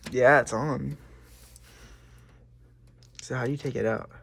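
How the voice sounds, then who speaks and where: A man's voice: medium pitch, fairly even intonation, slow, creaky, fairly bright tone, a little hiss or hum. A man narrating casually to himself as he installs hardware, breathing hard. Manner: muttering to himself while working. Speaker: tech vlogger.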